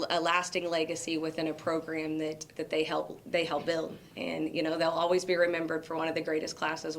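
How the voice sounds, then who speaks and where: Halting middle-aged woman coach giving a speech. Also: on the low side, fairly bright tone. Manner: halting, repeats and restarts words often. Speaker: former college basketball coach giving an induction speech. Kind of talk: hall of fame induction speech.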